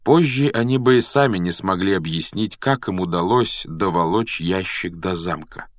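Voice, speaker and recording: A man narrating a children's storybook in a measured, expressive reading voice. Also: low-pitched, no room sound. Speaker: audiobook reader.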